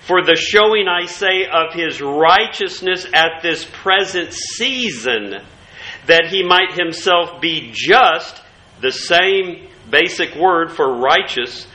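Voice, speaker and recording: A man preaching a sermon in an earnest, emphatic way, slowing down to stress key words. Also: on the high side, bright, forceful tone, reverberant, poor audio.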